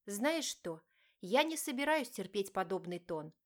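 A woman voicing a gentle young wife who sounds indignant and scared. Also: mid-range voice, big pitch swings, unhurried. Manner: pleading, indignant.

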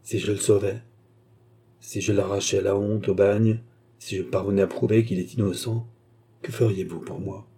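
A man voicing a cunning English baronet who bargains in a measured, insinuating way in a storybook reading. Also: on the low side, level tone, mellow, breathy edge.

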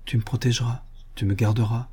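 A man reading aloud voices an anguished young woman who pleads in a trembling, breathy hush. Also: mid-range voice, moderate pace, close to an everyday voice. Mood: pleading anguish. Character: anguished young woman bride, fearful and torn.

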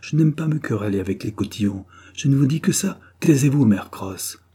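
A man doing a gruff, quarrelsome drunkard. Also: mid-range voice, expressive, normal speed, warm tone, voice pushed up. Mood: curt. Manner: curt, quarrelsome. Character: gruff, drunken out-of-work laborer.

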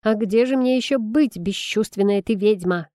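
A woman's voice: mid-range voice, moderate pace, mellow, dry recording, clean studio sound, natural voice. A woman voicing a plump, melodramatic male magic chipmunk who squeals, whines and huffs. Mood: whiny. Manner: squealing, whiny and huffy.

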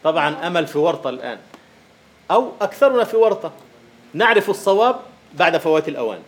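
A man lecturing a university class on poetic meter, questioning students and at times dropping to a quiet murmur. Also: on the high side, very animated, quick pace.

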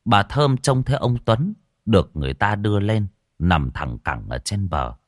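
A man's voice: lowish voice, normal speed, dry recording, studio quality. A man narrating a horror story as an audiobook reader. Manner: expressive storytelling.

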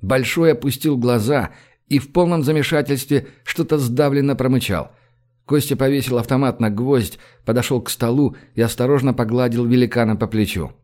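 A man's voice: mid-range voice, normal speed, a little mellow. Man reading an audiobook aloud. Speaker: audiobook narrator. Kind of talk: audiobook reading with voiced characters.

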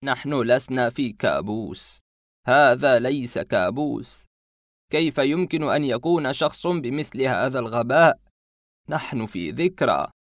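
A cornered masked stranger, voiced by a male narrator, pleads in a slow, trembling voice, stretching every word. His pitch sits a little higher than usual and he pushes hard on each phrase. The recording is close and dry, with no room around him. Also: dry recording, close to an everyday voice. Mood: fearful, insistent. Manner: slow, insistent, shaky.

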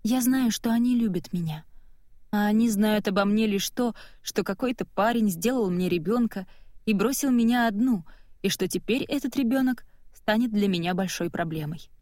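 A woman reading a first-person novel aloud in a steady, measured way. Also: mid-range voice, dry recording, clean studio sound. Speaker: audiobook narrator. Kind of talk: first-person scripted narration.

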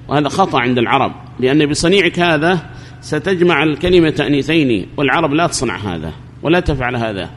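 A man giving a recorded grammar lesson, explaining slowly and repeating his examples, with questions he then answers himself. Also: on the high side, in a large hall, slight background noise. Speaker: grammar teacher.

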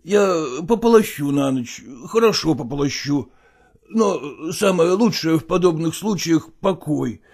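Evasive, self-pitying actor voiced by a male narrator who feigns illness, slow and moaning, with a lively melody. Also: on the high side, pitched above the performer's own voice. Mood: groaning evasive. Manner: groaning, drawn-out and slow, wheedling. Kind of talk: audiobook character reading.

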